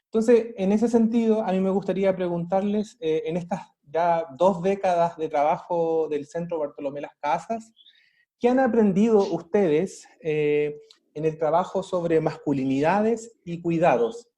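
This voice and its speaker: High, mellow-voiced male interviewer. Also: measured pace. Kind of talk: conversational interview question.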